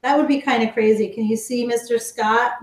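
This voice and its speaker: A woman's voice: fairly high pitch, steady tone, reverberant. A woman teaching a live online cooking class for kids, chatting with her viewers as she explains each step. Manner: chatty, slow and explanatory, talks to viewers as guys. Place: home kitchen.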